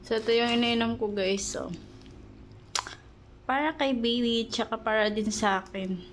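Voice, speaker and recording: A woman's voice: on the high side, unhurried, background noise. A young pregnant woman chatting casually to her vlog viewers, rambling and searching for words with many fillers, a little short of breath. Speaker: vlogger.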